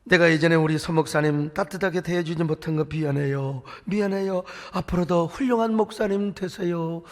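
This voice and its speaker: A man's voice: high voice, moderate pace, vocal fry. A man voicing an elderly pastor's widow who tearfully pleads and apologizes, within a sermon. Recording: echoey church hall, faint music.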